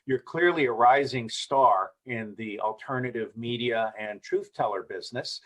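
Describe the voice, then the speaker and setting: Older man, interviewer, direct, steering questions, mid-pitched, remote call. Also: moderate pace, a bit bright.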